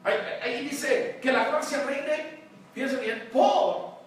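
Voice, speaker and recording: A man's voice: very high voice, unhurried. Emphatic male pastor in an echoey hall. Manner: emphatic preaching, swings between loud and hushed; addresses congregation as "hermano", asks "¿verdad?". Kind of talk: sermon. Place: large church hall. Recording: very echoey church hall, mic far off, faint noise.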